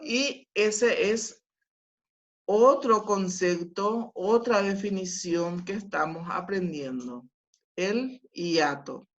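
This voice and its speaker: A woman teacher giving a patient class over a video call, often checking that her students follow along. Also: mid-range voice. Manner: slow, patient explaining with frequent filler sounds and checks. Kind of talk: online class lecture. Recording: dull lo-fi audio.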